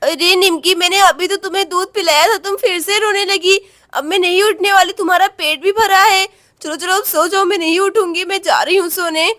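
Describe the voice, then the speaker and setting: A woman's voice: very high-pitched, fairly even intonation, fairly quick, a bit bright. A woman voicing a tired young village mother in a doll story, talking in a sleepy, pleading way.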